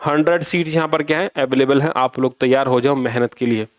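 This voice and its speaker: A man's voice: medium pitch, fast. Scolding, exhorting coaching teacher, man. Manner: exhorting, scolding students, mixing English into Hindi. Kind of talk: exam paper review lesson.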